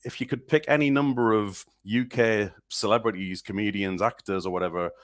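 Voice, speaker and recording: Speaking briskly in a lowish voice, a northeast English podcast co-host rambles casually about songs with lots of hesitations, restarts and fillers. The recording is dry and studio-clean.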